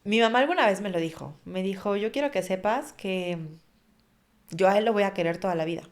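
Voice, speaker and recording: A woman's voice: mid-range voice, brisk. A woman, a podcast guest, earnestly recounting a personal story and vividly acting out what people said.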